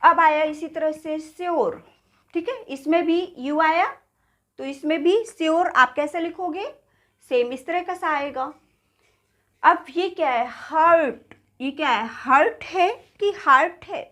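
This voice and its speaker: Woman, English teacher, Indian accent, high voice, unhurried, repeats words. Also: pushed and bright. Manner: slow, repeats each word and checks with "ठीक है?". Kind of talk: spoken English lesson.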